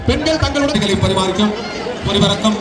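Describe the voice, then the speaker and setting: Man on an outdoor loudspeaker, urgent repeated warnings, loud crowd all round, echoey. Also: high-pitched, expressive, brisk, far from the mic. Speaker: festival safety announcer. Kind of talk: public announcements. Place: outdoor temple festival.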